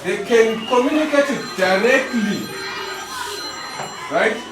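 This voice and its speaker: A middle-aged man teaching a school class. He speaks slowly and deliberately, often checking with the pupils. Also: very high voice, expressive, over music. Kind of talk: classroom lesson. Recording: roomy hall echo, distant mic, class noise.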